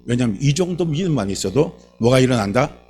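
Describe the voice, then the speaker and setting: A man's voice: mid-range voice, animated, fast, a little mellow. A man preaching a sermon as pastor, fervent, repeating phrases and calling out questions to the congregation.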